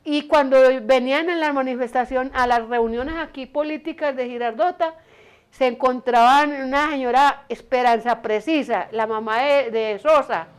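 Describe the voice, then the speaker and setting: A woman's voice: high voice, clean tone. An older woman with an Antioquian Colombian accent, casually telling a family story with many restarts and amused asides. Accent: Antioquian Colombian Spanish. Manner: meandering, frequent restarts, amused. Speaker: storyteller recalling her mother.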